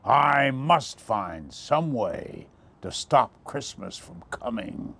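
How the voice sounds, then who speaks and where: A man's voice: medium pitch, lively intonation, slow, gravelly, bright, forceful tone, slight background noise, exaggerated voice. A man voicing a sneering, scheming, grouchy storybook creature with a snarling, theatrically menacing delivery. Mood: exasperated. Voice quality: snarling, growling.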